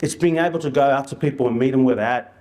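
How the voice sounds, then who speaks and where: A man presents in an informal, storytelling way. His voice sits at a medium pitch, and he talks in colloquial, slangy phrases like an outreach worker sharing experience from the job. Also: very fast, darkish tone. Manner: colloquial and anecdotal, with slang and re-enacted dialogue.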